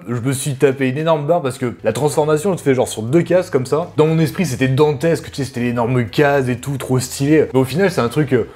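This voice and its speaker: A man's voice: medium pitch, darkish tone. A young man, casually and enthusiastically reviewing the manga he read this month, full of slang and talking straight to the viewer. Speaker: manga YouTuber.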